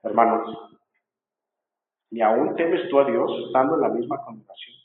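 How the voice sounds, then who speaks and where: A man's voice: mid-range voice, normal speed, a little hiss or hum. A man preaching a sermon earnestly, pressing his listeners with repeated rhetorical questions. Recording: echoey, tinny phone-like sound.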